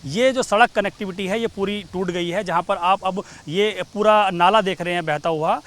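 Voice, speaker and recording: High-voiced male field reporter outdoors. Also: moderate pace, fairly bright tone. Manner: walking viewers through damage, pointing things out. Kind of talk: on-the-spot news report. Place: outdoors at a disaster site.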